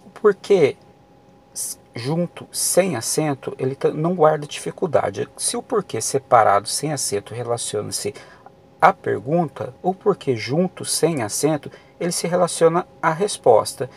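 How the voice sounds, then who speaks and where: A man's voice: on the high side, animated, normal speed, creaky, slightly rough. A man teaching a grammar lesson for exam prep, explaining patiently with many fillers and restarts.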